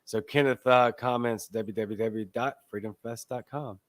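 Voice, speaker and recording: A man's voice: mid-range voice, fairly even intonation, normal speed, no echo. A man hosting a casual live interview in an informal, agreeable way. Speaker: live show host.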